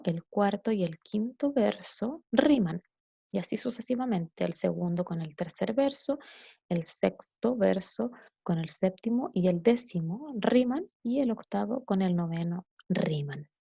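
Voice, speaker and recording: A woman's voice: medium pitch, vocal fry, dark tone, slightly rough, no room sound. A woman teacher giving a patient, explanatory recorded lesson to children, often checking in with her listeners.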